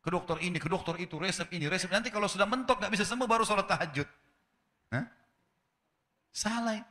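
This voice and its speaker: Bright, fast-talking male preacher. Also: long reverb tail. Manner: animated storytelling, acting out dialogue with rising pitch; addresses listeners as friends, rhetorical questions. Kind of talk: sermon storytelling.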